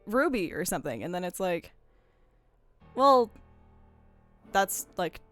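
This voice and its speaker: Over soft background music, a woman with a fairly low, slightly bright voice talks slowly with big swings in pitch. As host of a game discussion stream, she chats casually about video games, rambling, digressing and often cutting herself off.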